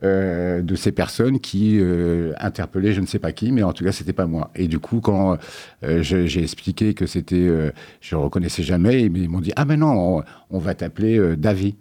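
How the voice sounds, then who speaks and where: A man with a low, warm voice answers interview questions in a relaxed way. He hesitates often, filling pauses with drawn-out sounds as he searches for words. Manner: hesitant, many filler sounds. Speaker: guest artist. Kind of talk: casual interview.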